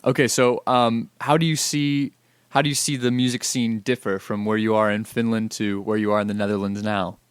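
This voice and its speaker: A man hosting a casual interview, asking relaxed, laid-back questions with fillers. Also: lowish voice, brisk, clear, resonant tone. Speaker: podcast host interviewer.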